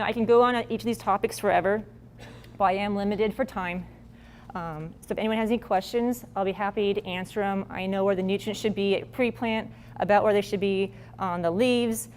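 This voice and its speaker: A woman's voice: medium pitch, darkish tone, a little hiss or hum. A woman presenting farming advice at a workshop in a casual, blunt, folksy way. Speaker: agricultural presenter.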